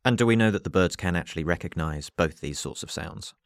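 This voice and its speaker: A man co-hosting a podcast asks curious follow-up questions and restarts a few of them as he talks. His voice is very deep, recorded close and dry. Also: brisk, gravelly, dry recording. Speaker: podcast co-host. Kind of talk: interview questions.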